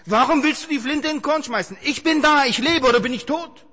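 A man voicing God as a loud male Lord who scolds his child with insistent questions. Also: very high voice, brisk, big-room sound, pitched above the performer's own voice. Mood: scolding.

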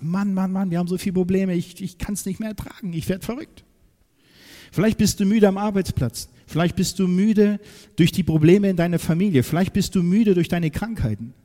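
A man preaching a sermon, emphatic and direct, asking his listeners questions and swinging from loud outbursts to quiet, low asides. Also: big-room sound.

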